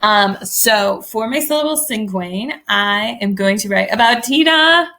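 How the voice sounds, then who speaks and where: A woman's voice: mid-range voice, animated, a little slow, sharp tone. A woman teacher giving an online poetry lesson, thinking aloud in a friendly way while she types.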